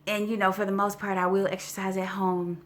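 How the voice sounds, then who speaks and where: A woman's voice: mid-range voice, little pitch movement, fairly quick. A woman in her forties chatting casually to her viewers in a storytelling vlog, slightly winded and often checking in with "okay?" and "you know". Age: 40s. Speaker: vlogger.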